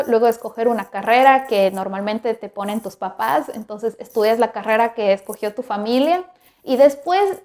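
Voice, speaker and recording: A woman in her twenties from Ecuador, hosting a podcast and telling her own story in a reflective, candid way. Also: fairly high pitch. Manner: reflective and candid, warm direct address to listener. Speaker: podcast host. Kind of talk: personal storytelling monologue.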